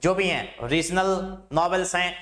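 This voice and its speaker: A man teaching English literature in Hindi, stretching the English terms out slowly as he lectures through a syllabus. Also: high-pitched, fairly bright tone.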